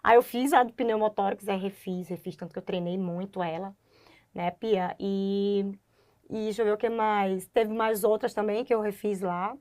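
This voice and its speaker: Guesting on a relaxed interview, a young female doctor recounts her experiences with animation, acting out the voices of those she quotes. She speaks in a mid-range voice at a moderate pace.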